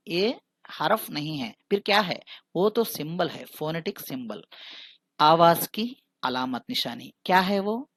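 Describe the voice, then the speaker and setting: A man teaching English pronunciation who asks the listener questions, answers them himself, and drills each word slowly by repeating it. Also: on the high side, a bit bright, no echo. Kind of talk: recorded pronunciation lesson.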